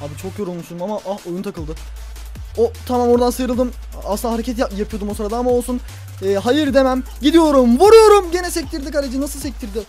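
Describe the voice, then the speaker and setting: A young man commentating his own football video game play, talking to himself and the players and yelling at big moments. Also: extremely high pitch, fast, faint music behind. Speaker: gaming YouTuber.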